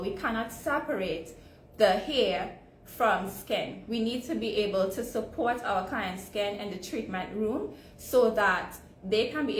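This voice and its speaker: A woman from Trinidad and Tobago with a Trinidadian accent, teaching a live online session on skincare for hair removal in a conversational way, often ending points with "right?". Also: mid-range voice. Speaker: sugaring educator. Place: home at evening, live stream. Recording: roomy echo, faint background noise.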